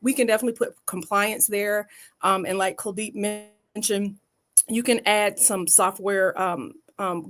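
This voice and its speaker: A woman with a Southern US accent, speaking emphatically as a panelist in a discussion. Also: medium pitch. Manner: emphatic, folksy, uses rhetorical "right?".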